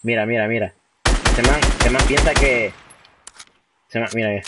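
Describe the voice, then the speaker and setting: Young male streamer from Honduras, casual chatter, medium pitch, faint noise. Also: normal speed, fairly bright tone. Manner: chatty, reads chat aloud, slangy, mixes in English phrases. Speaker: livestreaming gamer. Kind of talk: casual live gameplay commentary.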